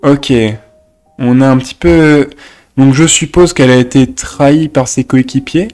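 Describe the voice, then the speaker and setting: Male reaction host, excitable and joking, mid pitch, light music under him. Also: measured pace. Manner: excitable, laughs often, jokey English asides. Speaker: reaction youtuber. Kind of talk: casual reaction commentary.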